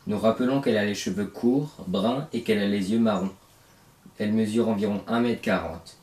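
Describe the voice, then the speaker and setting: A man's voice: lowish voice, a little fast, a little mellow, recorded from a distance, natural voice. A man playing a newscaster who reads a special bulletin in a formal, announcing manner. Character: newscaster reading a missing-child bulletin. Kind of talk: amateur film acting. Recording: echoey room, off-mic.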